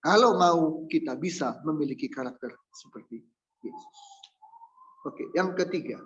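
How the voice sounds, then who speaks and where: Male pastor, somewhat high voice, joking sermon delivery, dull lo-fi recording. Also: measured pace. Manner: humorous, lively, acts out quoted voices.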